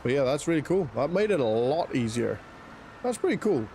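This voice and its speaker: Speaking fairly quickly in a warm, sing-song voice on the high side, this man streams a game live and chats casually, musing aloud and answering his chat. He is from South Africa, with an accent mixing South African and British, and a little hiss or hum can be heard.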